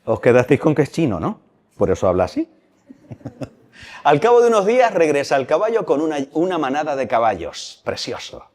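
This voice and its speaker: A man's voice: fairly high pitch, sing-song, moderate pace, darkish tone. A man giving a colloquial, humorous religious talk to a youth gathering in a crypt. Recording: long hall reverb.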